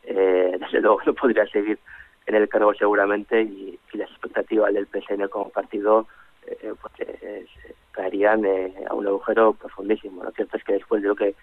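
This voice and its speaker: A man's voice: lowish voice, flat delivery, normal speed, breathy edge, no room sound, narrow, tinny audio. A man commenting on politics on a radio panel, rambling with frequent restarts and fillers.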